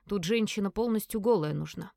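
A woman voicing a smug, teasing young man in an audiobook, in her own mid-pitched voice. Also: fairly quick, creaky, dark tone, dry recording, clean studio sound, lightly acted.

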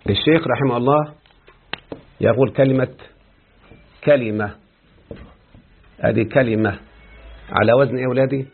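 With an Egyptian Arabic accent, a man gives a classroom lecture on Arabic grammar, explaining step by step, repeating terms and questioning his students. His mid-range voice is quick, creaky and slightly rough, with frequent pauses. The recording sounds tinny and phone-like.

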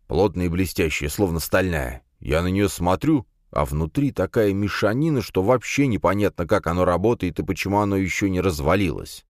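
A man voicing a wry, unhurried middle-aged professor of combat magic in an audiobook. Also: deep voice, no echo, studio quality, voice pushed up.

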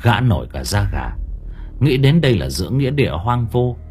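Guy reading a spooky story, really animated voice, soft music underneath. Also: medium pitch, moderate pace. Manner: expressive, suspenseful. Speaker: audiobook narrator. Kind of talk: dramatic horror story narration.

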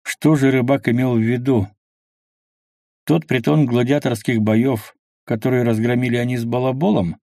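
A man narrating a dark audiobook in a steady, measured reading. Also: mid-range voice, gravelly, no echo.

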